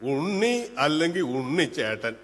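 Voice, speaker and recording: A man's voice: a little high, sing-song, normal speed, fairly bright tone. A man acting a wry, teasing older man in an amateur stage play, with a dry manner. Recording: echoey hall stage recording.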